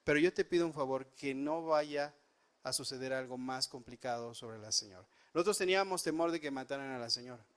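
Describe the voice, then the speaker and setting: A man's voice: on the high side, fairly bright tone. A man preaching a sermon, telling a personal story earnestly and rising and dropping his voice for emphasis. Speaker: pastor.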